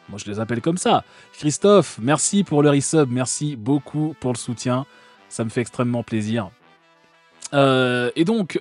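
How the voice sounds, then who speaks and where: A man from France hosting a live stream, talking casually and sarcastically with many fillers and restarts. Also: medium pitch.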